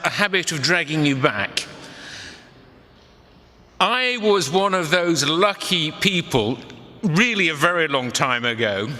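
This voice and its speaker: A man's voice: fairly high pitch, pushed and bright. Wry older man speaking in an echoing hall. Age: 60s. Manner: wry, conversational, with pauses for effect. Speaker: Council of Europe official, guest speaker. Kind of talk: ceremonial speech with wry humour. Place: large echoing hall at an evening event. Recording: reverberant hall.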